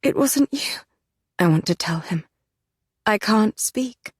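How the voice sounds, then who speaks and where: Woman reading dark fantasy romance. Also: medium pitch, animated, slow, husky, no echo, clean studio sound. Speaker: audiobook narrator. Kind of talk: first-person fantasy romance narration.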